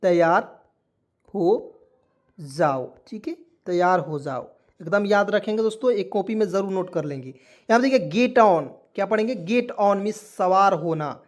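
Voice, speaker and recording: Hindi tutor spelling English words slowly. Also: male voice, high voice, animated. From rural India. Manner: spells letters out and repeats meanings slowly, keeps asking "okay?". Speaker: English teacher.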